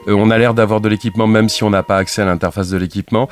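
A low-voiced man hosts a casual chat about video games in French. He talks loosely and hesitates often, with filler sounds and restarts, while faint music plays underneath. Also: steady tone, rapid-fire. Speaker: radio show host.

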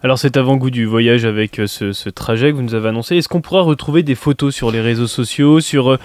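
Quick-talking man radio host. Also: mid-range voice, a little mellow. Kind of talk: radio interview.

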